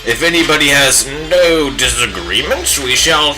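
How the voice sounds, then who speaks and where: Man doing a hammy old wizard, lively. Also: on the high side, music in the background, natural voice, poor audio. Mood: grandiose. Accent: put-on British. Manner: hammy, drawn-out theatrical wizard speech. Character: pompous old male wizard with a beard. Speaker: streamer painting live.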